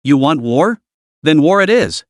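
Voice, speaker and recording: A man's voice: on the high side, big pitch swings, unhurried, no echo, clean studio sound. A man voicing Lin Yi, a wry young beast tamer. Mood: urgent.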